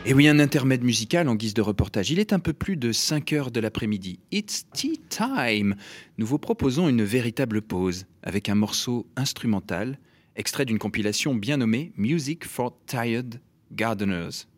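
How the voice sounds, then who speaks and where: A man's voice: mid-range voice, moderate pace. A male radio host recapping an interview and introducing music in a playful way. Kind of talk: radio hosting.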